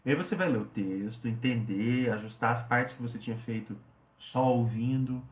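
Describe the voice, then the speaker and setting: A male English teacher talks through a study routine in a relaxed, chatty way, often restating points and adding little tag questions. His voice sits at a middle pitch. The recording has a roomy echo, as if captured at a computer. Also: moderate pace. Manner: chatty, repeats himself, tags phrases with "né".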